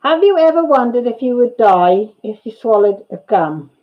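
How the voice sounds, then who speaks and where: A middle-aged Welsh woman hosts her channel in a casual chat, reading viewer comments aloud with giggles and playful repetition. Her voice is on the high side and animated at a normal speed, though the audio sounds narrow and tinny.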